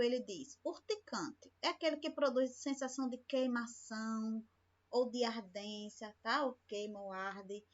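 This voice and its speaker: A Brazilian woman teaching a remote science lesson to children, explaining slowly and often checking in with the class. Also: on the high side, a bit bright. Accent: Brazilian Portuguese. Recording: lo-fi home recording.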